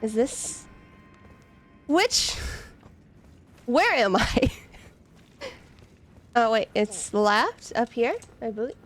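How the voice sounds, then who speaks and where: A woman's voice: on the high side, sing-song, very slow, pauses often, faint music behind. A young woman streaming a game, chatting casually and giggling to herself as she plays. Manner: giggly, chatty, talks to herself while playing. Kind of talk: casual gameplay commentary.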